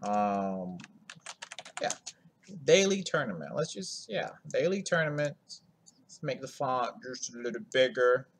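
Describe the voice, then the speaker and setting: A man's voice: medium pitch, expressive, unhurried, slight background noise. A man hosting a screen-recorded coding tutorial, talking in a laid-back, rambling way full of ums and asides.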